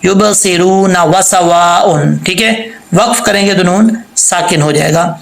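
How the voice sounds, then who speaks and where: A man with a fairly high, gravelly voice gives a patient recitation lesson, spelling out each letter and vowel mark before stretching the word out slowly. He quizzes the listener and answers himself. The room around him is echoey. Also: a bit bright. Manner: asks and answers his own quiz questions. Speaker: Quran recitation teacher. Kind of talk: tajweed lesson with slow demonstrations.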